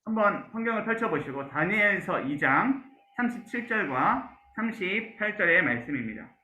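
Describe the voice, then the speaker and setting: A man's voice: high voice, big pitch swings, moderate pace, sharp tone, slight background noise. A male pastor giving an online Bible class, peppering his talk with "so" and "yes" fillers and asking the class questions. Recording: roomy, dull lo-fi sound.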